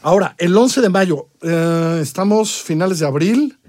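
A man's voice: sits high, lively intonation, a little slow, darkish tone. A man with a Mexican accent hosts a conversational political discussion, questioning his panel and often seeking agreement with short tag questions. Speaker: panel show host.

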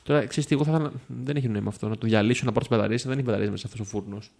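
Gravelly-voiced man exploring a mystery. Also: fairly low pitch, darkish tone. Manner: curious, thinking aloud with questions. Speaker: player guest. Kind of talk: playing an interactive mystery game.

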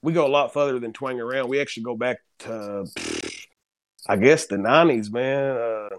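A man's voice: medium pitch, moderate pace. A man from Kentucky with a Southern accent, a musician guest chatting casually on a podcast, drawling and dropping "man" and "you know" between thoughts. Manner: laid-back drawl, peppers talk with "man" and "you know". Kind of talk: casual chat.

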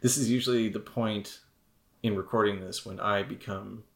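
A man's voice: fairly low pitch, fairly even intonation, normal speed, a bit bright. A man co-hosting a podcast in casual chat, rambling and joking, often trailing off mid-thought. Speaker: podcast co-host.

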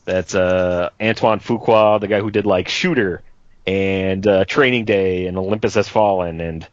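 A man's voice: low-pitched, steady tone, a little slow, no echo. A man chatting casually with friends as a podcast panelist, on a muffled recording with some noise. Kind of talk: casual movie chat with friends. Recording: muffled, noisy lo-fi recording with clicks.

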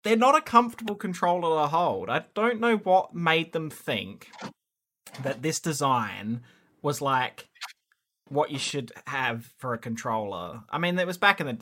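Bright-voiced man in his thirties, rambling. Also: fairly high pitch, lively intonation, unhurried, slight background noise. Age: 30s. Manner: rambling, many fillers and restarts. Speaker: podcast co-host. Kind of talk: casual chat about video games.

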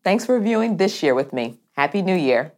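A woman working as a podcast host, reading scripted lines in a polished, clearly phrased way. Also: lowish voice, big pitch swings, a little fast, a little mellow. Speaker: podcast host, multimedia editor.

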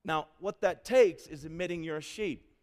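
Animated man preaching in a reverberant church. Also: fairly high pitch, moderate pace. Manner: animated preaching that quizzes the congregation. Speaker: pastor. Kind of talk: sermon. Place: church sanctuary.

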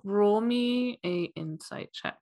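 A woman's voice: medium pitch, slow pace, darkish tone. A woman as game master of a tabletop role-playing game, narrating and voicing characters with frequent laughs.

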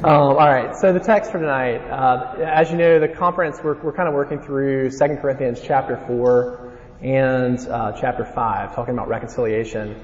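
A man's voice: medium pitch, steady tone, normal speed, faint music behind. A man with an Alabama Southern accent preaching in an informal, folksy way, moving between scripture and personal storytelling. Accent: Alabama Southern American. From Alabama, United States. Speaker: conference preacher. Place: large reverberant room, live talk. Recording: dull sound in a reverberant hall.

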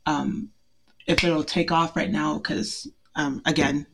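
A woman's voice: low-pitched, level tone, slow, noisy background. Bubbly, giggly woman guest. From Portland, Oregon. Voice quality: bubbly, giggly, self-deprecating. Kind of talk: casual interview chat.

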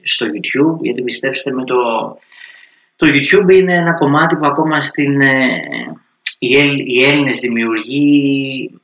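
A man's voice: medium pitch, a bit bright, highs cut off. A man hosting a cooking channel, talking casually to his viewers in a chatty, slangy storytelling way. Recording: roomy echo with faint music.

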